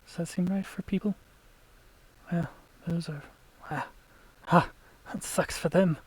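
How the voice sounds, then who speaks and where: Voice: mid-range voice, fairly even intonation, unhurried, a little mellow, breathy edge, dry recording, low-quality recording. A let's play gamer giving casual, chatty gameplay commentary, explaining tactics to viewers and sometimes dropping to a whisper.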